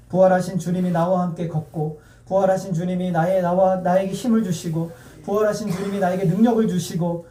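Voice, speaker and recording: A man's voice: high voice, dark tone, far from the mic. A male pastor preaching an emphatic sermon, repeating key phrases and asking the congregation questions. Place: church sanctuary. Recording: echoey church sound heard from afar.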